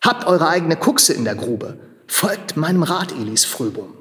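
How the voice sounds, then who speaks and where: A man voicing a stern, proud old miner who urges and scolds in a grave, deliberate way. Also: fairly high pitch, very animated, a bit bright. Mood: urging. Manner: urging, grave, at times angry. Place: large machine workshop hall in a theater. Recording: long reverb of a large hall.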